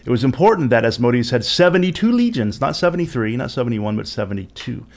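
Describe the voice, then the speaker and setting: Gravelly-edged man giving a casual explanatory lecture. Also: mid-range voice, big pitch swings, fast talker. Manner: conversational, musing, often checks with rhetorical questions. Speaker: host and presenter of an educational video series.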